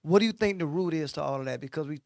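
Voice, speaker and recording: A man hosting a radio show in casual interview chat, loud and joking. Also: fairly high pitch, very fast, gravelly, dry recording, studio quality. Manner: loud, joking, Southern US slang.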